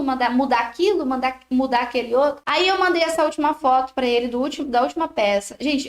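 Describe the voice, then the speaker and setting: A young Brazilian woman with a high, bright-pitched voice tells a story in a chatty, expressive way. Her voice rings through an echoey room. It sounds like a casual craft vlog. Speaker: biscuit artisan and course creator.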